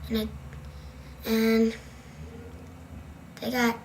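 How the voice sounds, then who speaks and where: A teenage girl from the United States speaking in a halting, unsure way in a documentary interview. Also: a little high, monotone, darkish tone, a little hiss or hum, low-quality recording. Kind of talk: personal testimony in a documentary interview.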